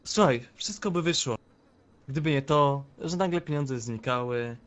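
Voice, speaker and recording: A man's voice: medium pitch, measured pace, fairly bright tone, lo-fi sound, natural voice. A man voicing a scheming male gang member who betrays his boss, speaking in a taunting, confrontational way in an online game role-play. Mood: gloating.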